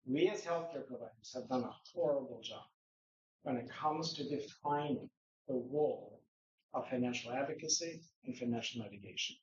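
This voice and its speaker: In an echoey conference room, a presenter from Norway, a native Norwegian speaker, lectures in a conversational style peppered with rhetorical questions. He has a mid-range voice at a moderate pace; the distant mic gives dull sound with slight background noise.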